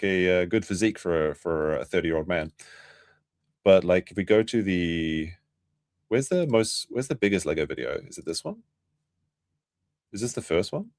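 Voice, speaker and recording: A man hosts a late-night livestream, rambling offhandedly and restarting his sentences in a low voice. The audio is studio quality with no room sound.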